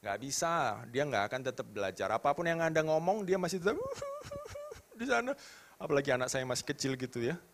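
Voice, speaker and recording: A man in his thirties preaching to a youth congregation, animated, asking the crowd questions. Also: mid-range voice, fast. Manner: animated, rising to loud emphatic questions, drops to soft tender tones. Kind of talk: sermon to youth.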